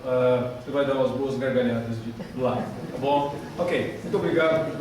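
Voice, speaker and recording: A man's voice: mid-range voice, moderate pace. A Brazilian man, a pastor, giving a seminary lecture in a chatty, joking way, often correcting himself. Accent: Brazilian Portuguese. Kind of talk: lecture with storytelling. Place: seminary hall. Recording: echoey hall from far off, faint noise.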